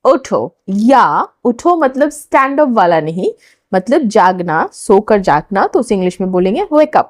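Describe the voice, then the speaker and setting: A woman teaching everyday English phrases in a slow, deliberate lesson, saying each phrase twice for learners to repeat. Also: medium pitch, big pitch swings, dry recording.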